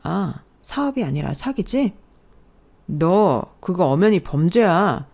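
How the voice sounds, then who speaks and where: A woman's voice: lowish voice, sing-song, slow pace, vocal fry, a little mellow, heavily acted. A woman voicing an arrogant young man who is being exposed as a fraud, talking in a scornful, defensive way.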